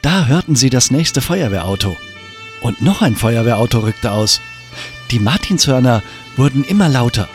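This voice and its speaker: A man narrating a children's storybook in an expressive, lively way. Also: mid-range voice, normal speed, soft background music.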